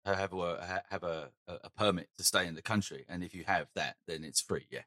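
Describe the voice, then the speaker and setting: A man's voice: sits low, brisk, bright, forceful tone, no room sound. A man from England hosting a podcast in casual chat, with a dry, teasing manner. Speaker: podcast host. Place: lives in Denmark.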